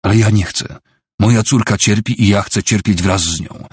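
A man's voice: lowish voice, moderate pace, slightly rough, no room sound, clean studio sound. A man reading the part of a broken, grieving father living on the streets, bitter and stubborn.

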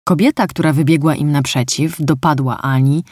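An audiobook narrator reading a story in a calm, steady way. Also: medium pitch, moderate pace, no room sound, clean studio sound. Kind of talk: scripted narration.

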